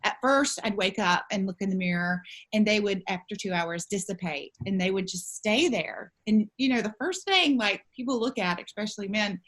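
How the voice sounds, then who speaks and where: A woman of forty-nine, telling her own story conversationally as an interview guest, animated and quoting her own thoughts. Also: medium pitch, moderate pace, hardly any pauses. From southern United States. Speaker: beauty company founder, interview guest.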